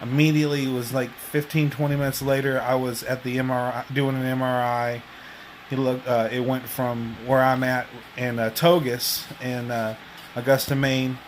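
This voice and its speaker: Male vlogger, mid-pitched, halting and rambling casual update, home recording with some background noise. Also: little pitch movement. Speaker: video blogger. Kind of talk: casual personal update to camera.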